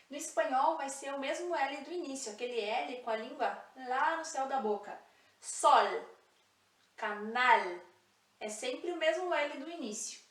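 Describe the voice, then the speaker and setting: A woman teaching a language lesson, speaking slowly and clearly, repeating example words and spelling out sounds. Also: high voice, fairly bright tone, reverberant, distant mic. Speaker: Spanish teacher.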